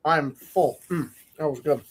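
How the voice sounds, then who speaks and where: A man's voice: a little high, moderate pace, breathy edge. A young man co-hosting a casual podcast, laid-back and opinionated, laughing often. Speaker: podcast co-host. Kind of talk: casual chat.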